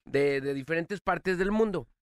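A Mexican man co-hosting a morning radio show, speaking earnestly and haltingly. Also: a little high, clear, resonant tone, no echo, studio quality. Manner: earnest, halting, many restarts. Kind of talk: casual chat.

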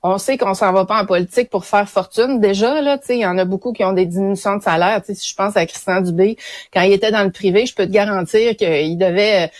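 A woman's voice: medium pitch, fast, no echo. A woman with a Quebec French accent giving casual, opinionated commentary on current affairs. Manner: conversational, opinionated. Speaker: radio commentator.

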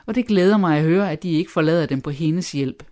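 Brief: wry, deadpan husband and father, mildly mocking and unhurried , as a reader puts him on. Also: medium pitch, lightly acted. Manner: dry, teasing, sarcastic. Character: dry sarcastic middle-aged father and husband. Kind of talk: audiobook character voice.

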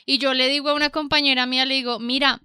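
A woman's voice: high-pitched, level tone, rapid-fire, sharp tone, dry recording, studio quality. A young woman with a Colombian accent, co-hosting a podcast and telling a personal story in casual chat, acting out quoted lines. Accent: Colombian Spanish. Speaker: podcast co-host.

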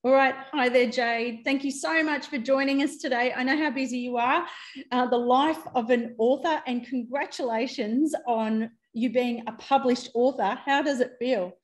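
A woman's voice: high-pitched, fairly even intonation, moderate pace. Roomy-sounding woman hosting. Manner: encouraging, affirming. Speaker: interview host. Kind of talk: conversational podcast hosting. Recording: roomy, echoing voice recording.

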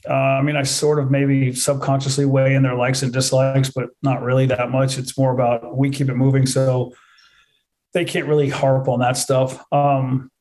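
A man's voice: mid-range voice, little pitch movement, moderate pace, a little mellow. A man giving conversational, matter-of-fact answers as a fitness trainer, repeating points for emphasis. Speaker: fitness trainer, interview guest. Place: remote video call.

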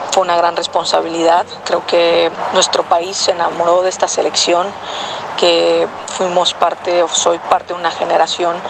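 Woman ex-player, flat, proud, measured delivery; clear street noise behind. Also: fairly low pitch. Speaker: former national team footballer. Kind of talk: reflective testimony.

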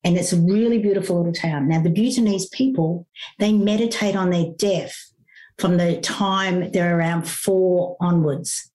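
Speaking at a moderate pace in a lowish, dark, steady voice, a middle-aged woman who works as a grief coach walks an interviewer through her method. She comes across earnest and teacherly, often restarting and using fillers.

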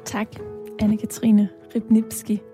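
A woman hosting a literary interview who asks measured, guiding questions. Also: medium pitch, completely flat delivery, warm tone, faint music behind. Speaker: radio/podcast host.

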